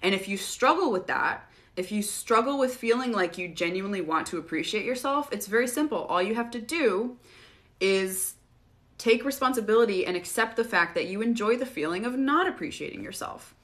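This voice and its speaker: A woman hosting a casual live Q&A, relaxed and chatty, often laughing as she answers viewers. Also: medium pitch, a little fast. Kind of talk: casual livestream Q&A.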